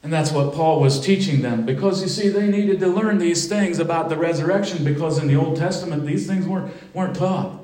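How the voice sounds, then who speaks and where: Fervent high-voiced preacher in echoey church. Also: male voice, brisk, mellow, distant mic. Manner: fervent, rising into emphatic preaching. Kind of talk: sermon. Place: church sanctuary.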